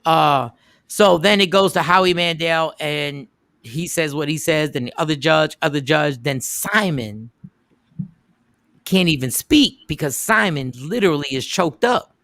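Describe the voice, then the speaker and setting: A radio show host telling a story casually, with emphatic repeats and quoted voices. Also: male voice, fairly high pitch, measured pace, a bit bright, no room sound.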